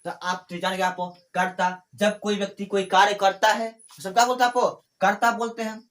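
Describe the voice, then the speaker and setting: A man's voice: high voice, level tone, fairly bright tone. Man teaching grammar, asking his own questions. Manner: repeats phrases, asks and answers his own questions; fills pauses with "ठीक है" and "आपको". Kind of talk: classroom grammar lesson.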